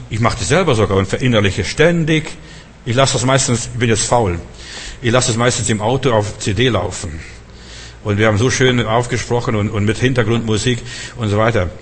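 A middle-aged man delivers a sermon in a husky, slightly breathy voice. His pitch sits in an ordinary middle range. He urges his listeners on with one rhetorical question after another. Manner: urgent, repeated rhetorical questions. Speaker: preacher.

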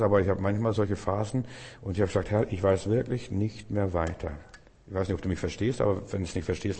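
A man's voice: fairly low pitch, mellow, breathy edge, in a large hall. A male preacher delivering a sermon, speaking straight to the listener with repeated, emphatic phrases. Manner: addresses the listener directly as "du", repetitive, emphatic.

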